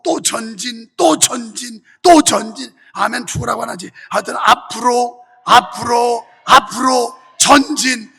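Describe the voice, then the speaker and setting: A male pastor preaching a fervent sermon with a strained voice and rhythmic, shouted refrains, in a church sanctuary. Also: very high-pitched, creaky, slightly rough. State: voice strained from heavy use. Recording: reverberant church hall.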